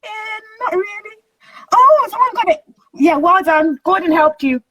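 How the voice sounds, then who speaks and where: A woman with a high voice hosts a relaxed online interview. She keeps it upbeat, laughs often and coaxes her audience to chime in. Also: moderate pace, low-quality recording. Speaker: host.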